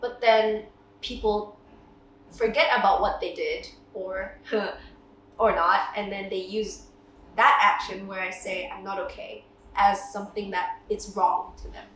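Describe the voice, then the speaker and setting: A woman's voice: mid-range voice, steady tone, normal speed, fairly bright tone, far from the mic, a little hiss or hum. A woman in her twenties, a singer-songwriter, chatting casually in an interview, laughing often and mixing in a few Thai words. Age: 20s. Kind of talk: relaxed interview talk. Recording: roomy, mic set back, music behind.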